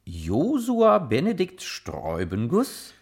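An actor playing a brash, cheeky young gangster in a German radio crime comedy, speaking in a blunt, teasing, sly way. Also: male voice, fairly high pitch, huge pitch swings, slow, husky, heavily acted.

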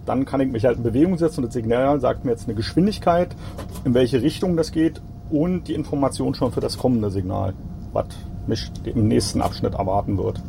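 A man's voice: medium pitch, brisk. A man, a train driver, casually explaining his job as he works in the cab. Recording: clear train cab noise.

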